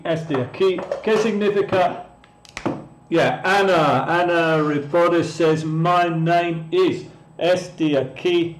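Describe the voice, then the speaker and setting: Man, language teacher on a live stream, unhurried patient delivery, echoey room. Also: fairly high pitch, slight background noise. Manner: patient, repeats words, answers chat viewers. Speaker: English teacher. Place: room in Mexico.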